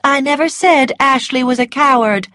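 A gentle young woman, as a woman reader puts her on speaks earnestly and firmly in a raised, light voice, trembling a little. The recording is close and dry. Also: sits high, normal speed, dry recording, voice pushed up. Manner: earnest, trembling but firm.

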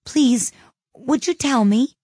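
A woman's voice: medium pitch, sing-song, unhurried, husky, no room sound, clean studio sound, pitched above the performer's own voice. A woman voicing a polite, timid young girl who speaks carefully and eagerly.

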